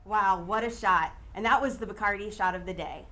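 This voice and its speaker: A woman's voice: medium pitch, brisk, bright, forceful tone. Chatty woman broadcast host. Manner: chatty, friendly. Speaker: studio host. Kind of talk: live sports broadcast hosting.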